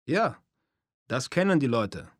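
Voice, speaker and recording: A man's voice: mid-range voice, sing-song, takes it slowly, no room sound, studio quality. A man voicing a swaggering male mafia boss who boasts in broken grammar in a storybook reading. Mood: boastful.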